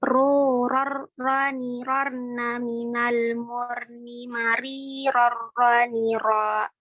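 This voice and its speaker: Woman slowly reading practice syllables. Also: fairly high pitch, level tone, no echo, lo-fi sound. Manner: reads syllables one by one, very slowly. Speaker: trainee teacher reading aloud. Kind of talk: slow recitation drill. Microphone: online call.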